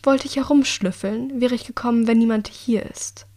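A woman reading the part of a calm, coldly menacing young woman, speaking quietly with measured, icy politeness in an audiobook. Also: fairly high pitch, close to an everyday voice. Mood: coolly polite.

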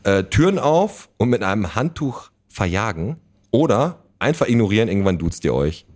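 A man hosting a casual chat, joking and firing off quick questions. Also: on the low side, sing-song, a little mellow. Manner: joking, loose, asks many quick questions. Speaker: podcast host.

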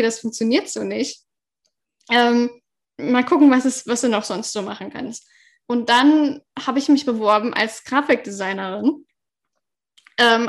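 A young woman telling her work story in a casual podcast chat, laughing often between fillers. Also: a little high. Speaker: podcast guest.

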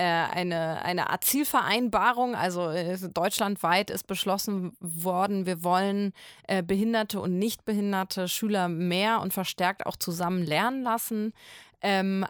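A woman's voice: medium pitch, no room sound, studio quality. A woman with a German accent hosting a podcast interview, asking long questions with many filler sounds. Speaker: podcast host.

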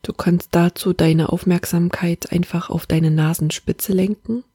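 A woman leading a guided meditation in a soft, half-whispered, calm and soothing manner. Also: on the low side, unhurried, slightly rough, no echo.

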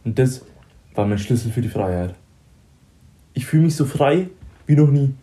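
A young man chats casually and tells a story, slipping into slang and playing out the dialogue himself. His voice is dark and mellow, with no strain. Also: medium pitch, animated, moderate pace. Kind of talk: casual chat.

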